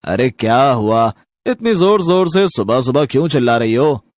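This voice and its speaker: A woman voicing grown men in a cartoon, loud, hurried and complaining, bewildered at having grown fat. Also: a bass voice, lively intonation, dry recording, clean studio sound, voice pushed down. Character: bewildered grown-up male townsmen turned fat. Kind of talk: cartoon voice acting.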